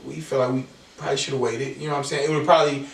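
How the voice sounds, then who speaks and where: A man's voice: medium pitch, fairly even intonation, racing, gravelly. Man, thirties, casual chat, earnest, repeats phrases, roomy echo. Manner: earnest, repeats himself a lot. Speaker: podcast guest. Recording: echoey room, mic at a distance.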